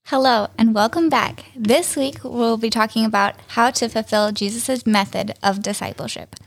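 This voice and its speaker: A woman co-host opens the episode with a friendly, direct welcome. Her voice sits somewhat high for a woman. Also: normal speed. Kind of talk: scripted show opening.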